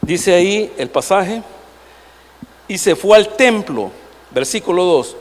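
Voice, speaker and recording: A man's voice: sits high, expressive, takes it slowly. A male pastor, preaching a sermon with rhetorical questions aimed at the congregation. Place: church sanctuary. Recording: long hall reverb.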